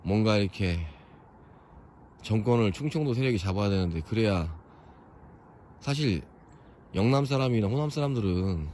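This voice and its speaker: A man's voice: low-pitched, darkish tone, a little hiss or hum. A young man from Chungcheong, South Korea, giving rambling, opinionated walking commentary at a hilltop fortress. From Chungcheong region, South Korea. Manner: rambling, opinionated, many fillers. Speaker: vlogger touring a historic fortress.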